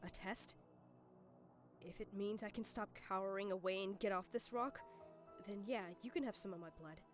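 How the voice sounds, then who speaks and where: A mid-range female voice over clear music. A woman acts out a wary survivor in a video game, frightened yet blunt and guarded. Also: mid-range voice, moderate pace, natural voice. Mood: wary, nervous.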